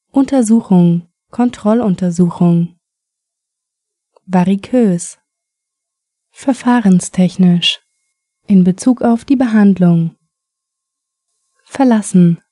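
A woman reading vocabulary words and a short story aloud slowly and clearly for learners. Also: fairly low pitch, mellow, dry recording, clean studio sound. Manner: slow, clear word-by-word reading.

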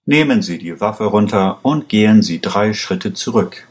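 A corrupt policeman who stays calm and commanding under a gun, as a man reading the story voices him. His voice sits low and the words come slowly and evenly. He speaks with a menacing steadiness. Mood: calmly threatening. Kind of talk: read-aloud story voice.

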